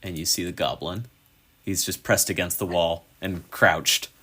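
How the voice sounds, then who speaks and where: A man's voice: low voice, steady tone, a little slow, sharp tone, husky. A man narrating a tabletop game as game master in a casual, descriptive way.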